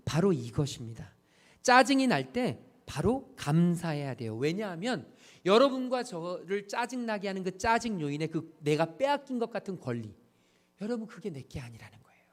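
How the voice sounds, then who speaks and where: A male pastor delivering a sermon, emphatic, often asking the congregation rhetorical questions. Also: fairly high pitch.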